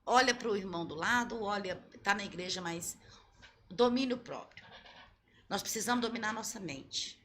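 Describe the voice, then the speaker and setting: A woman's voice: medium pitch, normal speed, fairly bright tone, a little hiss or hum. A woman pastor giving earnest, teaching answers in an interview, often repeating her key points. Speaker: pastor, guest. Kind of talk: sermon-like answers in a podcast interview.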